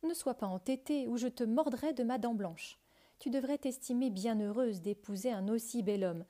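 A woman's voice: fairly high pitch, mellow, lightly acted. A woman reading aloud voices a bossy old female field mouse who scolds in a stern way.

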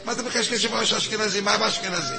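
A man's voice: sits high, vocal fry. A man teaching a weekly religious class, acting out both sides of a debate and firing questions at his listeners. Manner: animated, acts out both sides of a halachic dispute; repeats words, asks the audience questions. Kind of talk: lively Torah lesson with a class.

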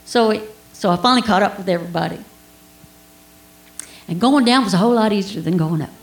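A woman's voice: medium pitch, fast talker, reverberant, poor audio. A woman giving an informal Bible teaching, telling a personal story in a chatty way with laughs and asides.

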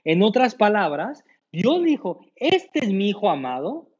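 A man's voice: high-pitched, big pitch swings, unhurried, darkish tone, husky, muffled recording. A man preaching a sermon as pastor, emphatic and repeating key lines to the congregation.

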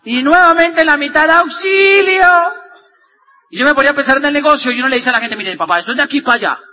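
High, bright-voiced man. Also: very fast, in a large hall, lo-fi sound. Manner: shifts from loud shouting to low murmurs, acts out dialogue. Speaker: motivational speaker. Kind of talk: energetic motivational talk with storytelling.

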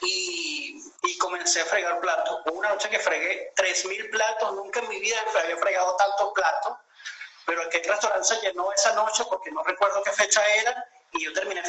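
Speaking a little fast with fairly even intonation, a Venezuelan man in his late thirties tells his story as a guest in a conversational video-call interview. His high, bright voice is full of hesitations and restarts as he thinks aloud, and the call sounds roomy and echoey with a faint hiss.

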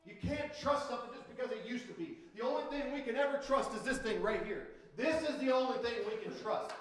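A man with a Minnesotan accent preaching a sermon as pastor in a church, conversational and animated, with frequent asides. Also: very high-pitched, quick pace, reverberant, poor audio. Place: church sanctuary.

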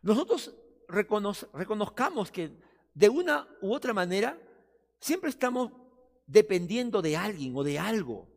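A male pastor preaching a sermon, often acting out doubters and busy churchgoers in quick quoted asides. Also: sits high, big pitch swings, creaky. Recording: long reverb of a church hall.

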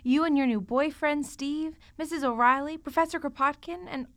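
A high, bright, bubbly voice belongs to a naive young woman in a 1940s radio comedy. She sounds sweet and innocent, a little dim. Her delivery keeps the chipper lilt of old radio acting. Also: normal speed. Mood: cheerful.

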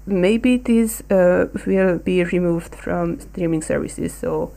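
Slow, gravelly-voiced young woman. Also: lowish voice, mellow, poor audio. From Hungary. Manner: hesitant, many ums. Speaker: podcast co-host. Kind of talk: casual discussion.

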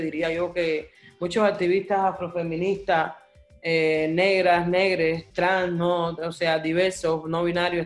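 Impassioned man, searching for words. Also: high-pitched. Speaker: guest artist and activist. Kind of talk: radio interview talk.

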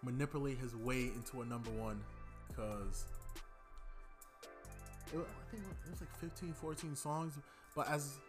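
A man's voice: mid-range voice, a little slow, pauses often, over music. A young man hosting a podcast, chatting loosely about an album, rambling with lots of fillers. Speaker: podcast host. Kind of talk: casual music review chat.

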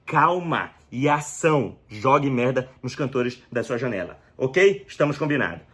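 A man's voice: medium pitch, lively intonation, moderate pace, a bit bright, breathy edge. A man with a Brazilian accent giving a rambling, profane comic monologue at home, acting out scenes with exaggerated coughs. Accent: Brazilian Portuguese. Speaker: comedy vlogger. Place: indoors at home.

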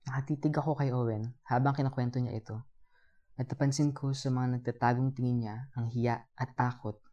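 A young man narrating a first-person story in a calm, reflective way. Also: mid-range voice, fairly quick, muffled recording.

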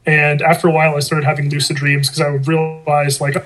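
Man, podcast co-host, fairly high voice, husky, playful chat. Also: monotone, a little fast, fairly bright tone, poor audio. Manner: playful, jokey. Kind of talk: casual chat.

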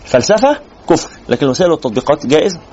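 A man with an Egyptian accent giving a religious lecture in a conversational, animated way, teasing and asking rhetorical questions. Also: fairly high pitch, rapid-fire, highs cut off, slight background noise. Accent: Egyptian Arabic. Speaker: sheikh lecturer.

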